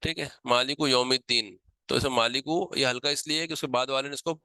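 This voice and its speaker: Bright, crisp man teaching step by step. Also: mid-range voice, fairly even intonation, brisk, dry recording. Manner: patient, explains step by step with repetition. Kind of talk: grammar lesson.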